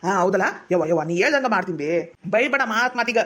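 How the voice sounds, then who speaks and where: A woman playing a shy, soft-spoken grown village son with a North Karnataka accent in a comedy skit. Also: mid-range voice, lively intonation, fast, close to an everyday voice. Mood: meek. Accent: North Karnataka Kannada.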